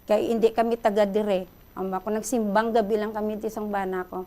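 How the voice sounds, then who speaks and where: A middle-aged Filipina with a Hiligaynon accent, calling in to a radio show and excitedly retelling a story. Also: female voice, medium pitch, a little fast. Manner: excited, breathless retelling, addresses host often. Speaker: caller.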